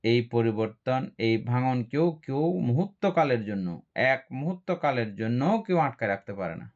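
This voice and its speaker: A man's voice: mid-range voice, lively intonation, measured pace, a little mellow. A man, a Buddhist monk, teaching dharma, explaining patiently and asking rhetorical questions. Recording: dull lo-fi recording.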